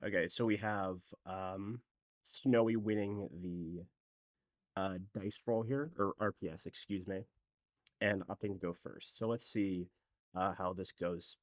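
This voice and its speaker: A low-voiced man hosts and commentates an online card tournament in casual live-stream style, his intonation fairly even and his pace a little slow. He rambles, leans heavily on fillers, and explains each play as it happens. There's no room sound, and the highs are cut off.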